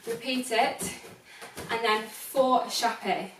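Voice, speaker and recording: A young woman leads a ballet class, calling counts as she dances the steps and apologizing in quick asides. Her voice sits a little high and unhurried, picked up from across a room with a hard floor. The sound is roomy and echoey with steady noise behind it. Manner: counts out beats while demonstrating steps; apologetic asides while dancing. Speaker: ballet teacher. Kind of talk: online dance class instruction. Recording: echoey room, voice from far off, noisy.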